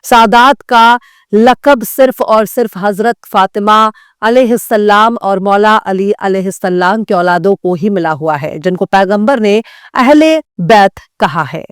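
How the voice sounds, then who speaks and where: Crisp-voiced woman news anchor. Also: mid-range voice, measured pace, no room sound, clean studio sound. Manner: pointed, scornful delivery. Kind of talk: scripted news commentary.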